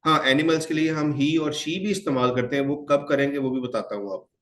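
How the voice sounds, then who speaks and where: Speaking a little fast in an echoey room, a man with a mid-range voice teaches English grammar for online exam prep, moving between Hindi-Urdu and English. He addresses his students as children and quizzes them, answering his own questions.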